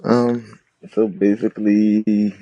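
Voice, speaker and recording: Deep, laid-back man. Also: little pitch movement, slow, dry recording, dull audio. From the Bahamas. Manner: laid-back, lots of "you know" and "like". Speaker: wedding photographer, podcast guest. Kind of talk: casual interview chat.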